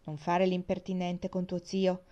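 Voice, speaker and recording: A placid, smiling farm aunt who smooths over every quarrel in a calm, soothing way, as a woman reads her aloud. Her voice is mellow and warm, heard on a dull, lo-fi audiobook recording. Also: mid-range voice, normal speed.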